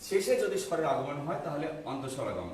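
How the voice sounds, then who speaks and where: A man's voice: fairly high pitch, very animated, a little mellow. Echoey man teaching a grammar lesson. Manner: patient, repeats points slowly, asks students if they understood. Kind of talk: online exam-prep grammar lesson. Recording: echoey far-off mic with faint noise.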